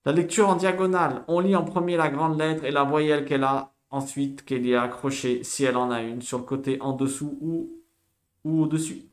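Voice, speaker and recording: Animated man teaching letter by letter. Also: on the high side. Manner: animated, repeats himself, spells sounds out slowly. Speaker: Hebrew teacher. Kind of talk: casual spoken lesson.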